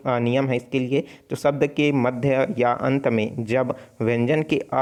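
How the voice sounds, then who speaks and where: Hindi tutor with Chhattisgarhi accent. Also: male voice, mid-range voice, darkish tone. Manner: explanatory, repeats sounds aloud, frequent self-corrections. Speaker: online exam tutor. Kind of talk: casual spoken lesson.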